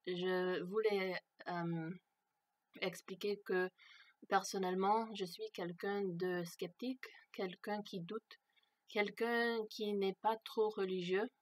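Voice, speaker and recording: A woman whose first language is not French vlogs unscripted and personal to camera, her mid-range voice keeping fairly even intonation. Slow and thoughtful, she hesitates and gropes for words, filling gaps with many fillers.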